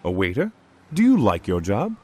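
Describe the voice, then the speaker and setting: A man's voice: lowish voice, wildly swooping pitch, measured pace, darkish tone, no echo, heavily acted. A man playing a curious interviewer who questions a street musician in a scripted language-course dialogue.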